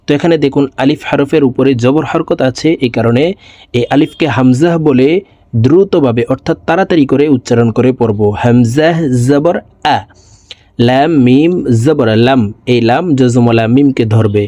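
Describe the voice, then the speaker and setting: A man teaching Quran recitation, spelling out syllables slowly and explaining pronunciation rules to viewers. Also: medium pitch, dark tone, no echo. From Bangladesh. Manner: slow melodic chanted recitation.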